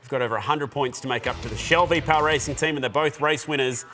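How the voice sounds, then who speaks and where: Bright-voiced race host. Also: male voice, mid-range voice, fast talker, soft background music. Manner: upbeat, chatty presenter. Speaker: commentator host. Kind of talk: live esports broadcast hosting.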